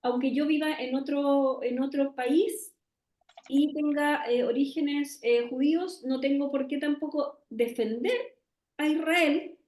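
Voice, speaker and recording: Chilean woman guest, earnest explainer with a high voice, recorded in a roomy space. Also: a little mellow. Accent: Chilean Spanish. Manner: earnest, tag questions, many pauses. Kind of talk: conversational interview, explaining.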